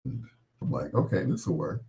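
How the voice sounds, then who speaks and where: Hoarse from a cold, a middle-aged man with a very deep voice hosts late-night radio in a loose, folksy, rambling manner. He laughs at his own corny jokes, and his speech is sing-song, a little slow and dark in tone.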